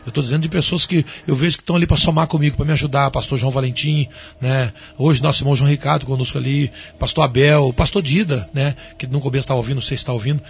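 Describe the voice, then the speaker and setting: A man's voice: mid-range voice, fairly even intonation, fast, vocal fry, slight background noise. A man with a Brazilian Portuguese accent, a pastor giving a folksy, preachy testimony in a radio interview. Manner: folksy, preachy, addresses listener as "rapaz". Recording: dull radio broadcast, faint music.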